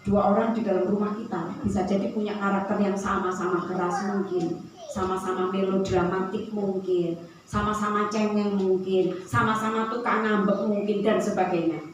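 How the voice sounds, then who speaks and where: A woman preaches in a relaxed, conversational storytelling manner and drifts easily into anecdotes. Her voice rings through a very reverberant church hall. She sounds distant from the mic, with faint ambient noise behind her. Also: medium pitch, normal speed. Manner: conversational storytelling, tangents and light laughs. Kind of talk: sermon. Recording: very echoey hall from far off.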